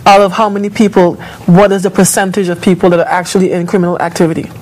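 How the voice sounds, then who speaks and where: A woman's voice: lowish voice, level tone, fast talker, darkish tone, rough recording. A woman born in Guyana and raised in New York, speaking thoughtfully as a guest on a TV talk show.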